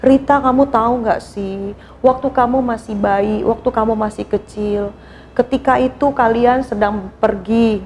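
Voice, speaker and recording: A woman voicing a gentle, tearful grandmother who speaks lower and sorrowfully. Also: slight background noise, natural voice.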